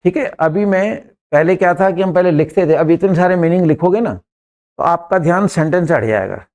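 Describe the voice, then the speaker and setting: A man's voice: high-pitched, fairly quick, a little mellow. A man teaching an English grammar lesson in a classroom, repeating words and often checking that his students understand.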